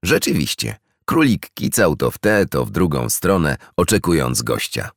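A man narrating a children's storybook in an expressive, gentle storytelling manner. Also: a bass voice, moderate pace, dry recording, clean studio sound.

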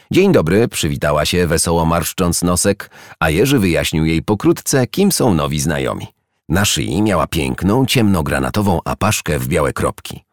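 A man narrating a children's story with expressive storytelling. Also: extremely low pitch, no room sound, studio quality.

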